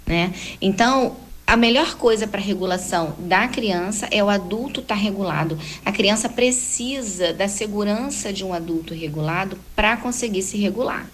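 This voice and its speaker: A woman explaining how to calm and comfort young children, acting out the gentle words a parent would say. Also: mid-range voice, rough recording. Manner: warm explanatory, acts out gentle talks with a child. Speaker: parenting guest expert. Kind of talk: conversational advice talk.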